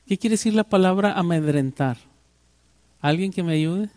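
An older man delivers a sermon, often turning to the congregation with rhetorical questions. His voice sits high for a man. The sound is dry and close, with no room echo. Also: normal speed, a little mellow. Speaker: pastor.

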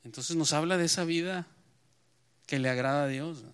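A man preaching a sermon and reading scripture aloud, pushing his key points hard and then letting phrases fall away quietly. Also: a little high, moderate pace, smooth. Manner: emphatic preaching that swells and then drops to a quiet close. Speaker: pastor.

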